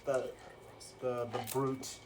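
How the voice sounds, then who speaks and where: A man's voice: medium pitch, little pitch movement, slow, a little hiss or hum. A man narrating a tabletop game as game master, hesitant and full of fillers. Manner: hesitant, many "sort of" fillers.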